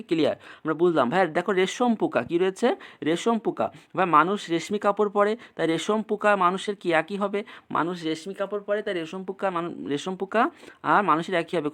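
A tutor gives a casual mnemonic lesson, repeating each point and quizzing with quick rhetorical checks. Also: mid-range voice, a bit bright.

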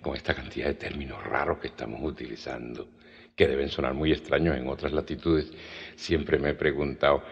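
A man in his sixties with a Colombian Caribbean coastal accent, telling anecdotes slowly at a cultural gathering and spelling words out. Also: rumbling low, breathy edge. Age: 60s. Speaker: storyteller guest. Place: cultural event venue. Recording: dull lo-fi recording in a reverberant hall.

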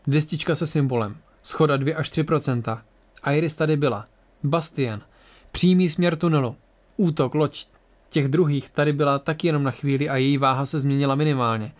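Brief: male amateur audiobook narrator, plain steady reading, a bit higher voice. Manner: plain reading with coughs and restarts.

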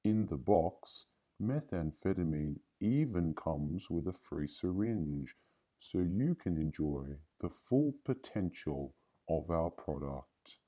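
A man reading a commercial voice-over in a smooth salesman delivery. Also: low-pitched, animated, slow pace, mellow. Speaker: ad announcer.

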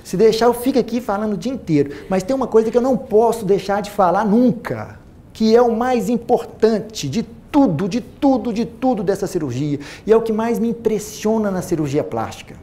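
A man in his forties with a Minas Gerais accent, a plastic surgeon giving an animated seminar talk to a large audience on a lapel mic, repeating phrases for emphasis. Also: high-pitched, a little fast, slight background noise. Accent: Brazilian Portuguese, Minas Gerais. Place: auditorium stage with a large audience.

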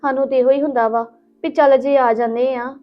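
Patient, soft-spoken young wife with a Punjabi accent, played by a woman. Slightly high pitch, muffled recording with faint music. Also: fairly even intonation, brisk, natural voice. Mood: conciliatory. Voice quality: soft, soothing, polite. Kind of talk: village family drama acting. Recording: dull lo-fi with music.

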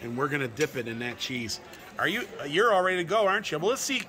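Talking fast with big pitch swings, a travel vlogger in his forties walks through his restaurant meal in a fairly high voice with a sharp tone. He's casual and chatty, repeating words and laughing often, while the crowded indoor restaurant buzzes around him.

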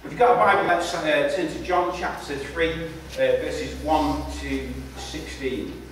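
A preacher delivers a sermon in a high, earnest voice with a steady tone and measured pace, repeating phrases for emphasis and stumbling into restarts. He sounds far from the mic in a very echoey church hall with a long reverb tail, over a faint hiss of room noise.

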